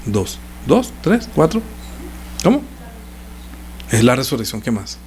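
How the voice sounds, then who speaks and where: A man's voice: huge pitch swings, takes it slowly, a little mellow, a little hiss or hum. A man preaching a sermon, often asking the congregation questions. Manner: conversational preaching with sudden pitch leaps, questions to listeners. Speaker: pastor.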